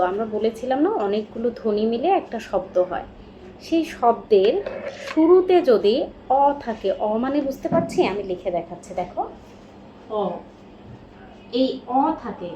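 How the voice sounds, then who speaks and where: A woman's voice: a little high, lively intonation, normal speed, pauses often, warm tone. A woman teaching a children's recitation and pronunciation class, patient and coaxing, often stopping to check that the children follow. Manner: patient, coaxing, asks many check questions. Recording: roomy, dull, faint hiss.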